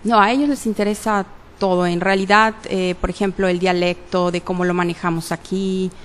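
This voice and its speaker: A literature graduate appears as an interview guest, answering casually in a low-leaning, flat voice with a clean tone at a moderate pace. She sounds hesitant, using lots of fillers and correcting herself often.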